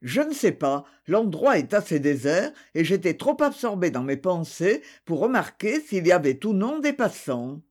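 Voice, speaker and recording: A man's voice: high voice, very animated, normal speed, few pauses, a little mellow. A man doing a proud, worried young suspect. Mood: defensive. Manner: defensive, tense.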